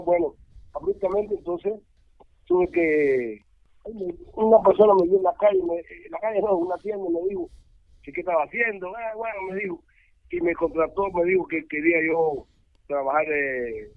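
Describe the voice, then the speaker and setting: An older man, a former ballplayer turned baseball analyst, telling stories in a rambling, animated way with many restarts. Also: sits high, creaky, dry recording. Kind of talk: casual interview over the phone. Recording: tinny phone line, dry.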